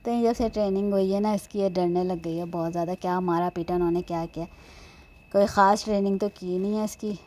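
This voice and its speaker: A woman's voice: medium pitch, fairly even intonation, darkish tone. A woman vlogging in a casual, rambling way, stopping now and then to say prayers and blessings. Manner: chatty, rambling, says prayers and blessings as she goes. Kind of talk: casual chat. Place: at home and at a horse stable, partly outdoors.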